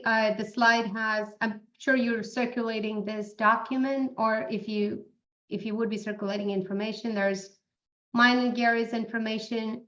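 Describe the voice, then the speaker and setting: A woman speaks on a webinar, hesitant and halting, with plenty of fillers and restarts. Her voice is flat and level, and the video call audio sounds dull and muffled. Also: on the high side. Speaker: guest speaker. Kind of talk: webinar presentation.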